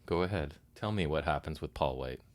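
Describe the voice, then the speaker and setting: A man with a very deep voice co-hosts a wrestling podcast. He talks in casual chat and slips in dry, deadpan sarcasm. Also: a little fast, slight background noise. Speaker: podcast co-host.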